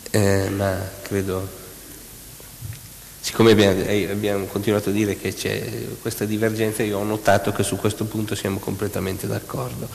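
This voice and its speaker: Event moderator, lowish male voice, unhurried with fillers, boomy hall sound. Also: little pitch movement, creaky, darkish tone, slight background noise. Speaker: interviewer, moderator. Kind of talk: public interview. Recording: roomy hall with long reverb.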